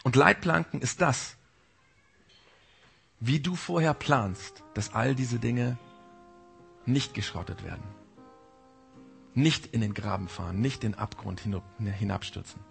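Bright, gravelly-voiced German-speaking preacher. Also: male voice, medium pitch, a little slow, pauses often, soft background music. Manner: informal direct address to the congregation; mimics the Holy Spirit's gentle warning. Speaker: pastor. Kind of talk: sermon.

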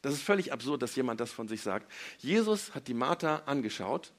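A man telling a Bible story to children at church. He is lively, and when he acts out the quotes his voice swings between loud and soft. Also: medium pitch, fairly quick.

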